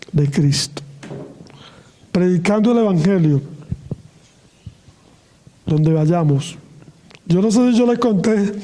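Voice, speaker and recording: A middle-aged man preaching a sermon in a notably high voice with a mellow, soft tone. He slows down and lets his pitch fall at the end of each phrase.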